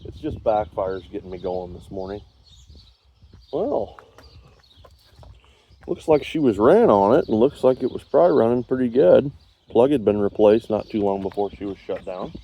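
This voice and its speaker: A small engine repair vlogger talks casually while he works on an old engine, rambling in a folksy, self-deprecating way. He sounds congested and keeps clearing his throat; his lowish, creaky voice has lively intonation at normal speed with frequent pauses, and the highs are cut off.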